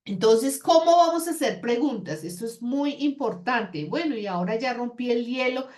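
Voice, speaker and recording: A woman's voice: a little high, normal speed. Chatty woman teacher. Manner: chatty, lively, acts out example dialogues. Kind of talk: classroom lecture.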